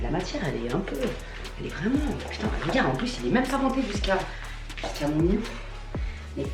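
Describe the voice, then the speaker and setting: Young woman fashion vlogger, effusive and slangy, recorded from a distance in a reverberant room. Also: on the low side. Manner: gushing and slangy, quick swings into mock outrage. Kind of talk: casual clothing haul chat. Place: at home, trying on clothes. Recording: echoey room, mic at a distance, faint music.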